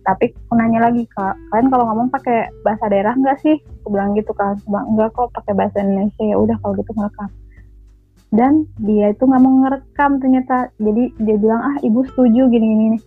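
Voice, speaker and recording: A woman's voice: a little high, steady tone, quick pace, breathy edge, soft background music. A woman who lives in Manado tells a chatty, aggrieved story down a phone line, quoting what others said. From lives in Manado, not originally from there. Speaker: caller sharing her story. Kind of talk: casual chat.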